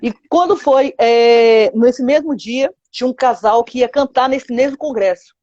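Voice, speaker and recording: A woman's voice: on the high side, a little slow, darkish tone, no echo, lo-fi sound. A woman with a Brazilian Portuguese accent telling her testimony to a pastor in an interview, acting out quoted dialogue with lots of 'sabe?'. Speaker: guest giving a testimony.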